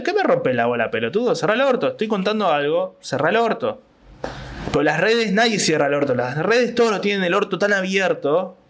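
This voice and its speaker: A young Argentine man with a slightly high voice, riffing through a casual monologue. He jumps into little impressions of the people in his anecdotes. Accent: Argentine Spanish. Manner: animated, acts out voices in his stories. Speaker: comedian and podcast host.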